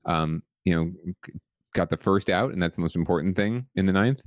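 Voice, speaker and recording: A man's voice: low voice, fairly quick, no echo, clean studio sound. A man co-hosting a podcast, chatting casually about baseball with fillers, restarts and wry jokes. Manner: conversational, many fillers and restarts, wry humor. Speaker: podcast co-host. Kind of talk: casual sports chat.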